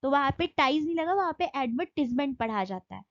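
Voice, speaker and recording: A young Indian woman teaching an exam-prep lesson, reading English notes slowly and then explaining them in Hindi with fillers. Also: high-pitched, animated, dry recording, lo-fi sound.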